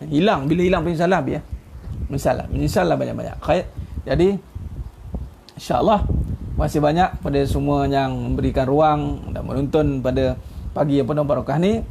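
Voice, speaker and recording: A man's voice: on the high side, fairly quick, creaky, long pauses, background noise. A middle-aged man with a Malaysian Malay accent gives an informal religious talk online as an ustaz. He is chatty and teasing, and chuckles at his own jokes. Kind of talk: informal sermon.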